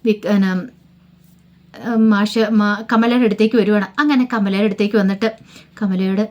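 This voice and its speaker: A woman's voice: medium pitch, fairly even intonation, moderate pace, a little mellow, lo-fi sound. A woman casually retelling a TV serial episode, chatty, with rhetorical questions and humming fillers between sentences. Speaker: storyteller recapping a TV serial. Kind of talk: casual spoken story recap.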